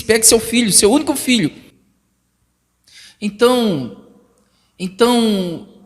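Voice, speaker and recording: A man preaching a sermon as pastor, emphatic and swelling louder on key phrases. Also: high-pitched. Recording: long reverb of a large hall.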